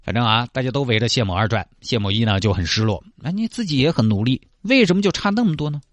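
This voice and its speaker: A man's voice: medium pitch, expressive, fast, no echo. A male radio host telling a comic story in a chatty way, speaking straight to the listener. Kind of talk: comic scripted storytelling with acted dialogue.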